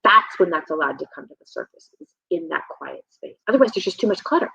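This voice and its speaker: A woman in her thirties, a health and nutrition coach talking as a guest in a relaxed interview, reflective and rambling with frequent ums. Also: lowish voice, quick pace, gravelly, husky. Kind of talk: casual conversational interview. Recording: slightly dull, lo-fi sound.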